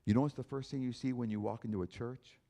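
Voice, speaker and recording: A man's voice: mid-range voice, steady tone, fast, creaky, dark tone. A man, a concert pianist, giving an emphatic evangelistic talk at a church concert, appealing directly to his listeners with repeated phrases.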